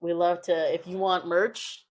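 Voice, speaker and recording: A young woman co-hosts a casual podcast in a husky, slightly low voice. She is chatty and pokes fun at herself, scattering "like" through her talk. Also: flat delivery, a little slow. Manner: chatty and self-mocking, with lots of "like". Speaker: podcast co-host. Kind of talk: casual chat.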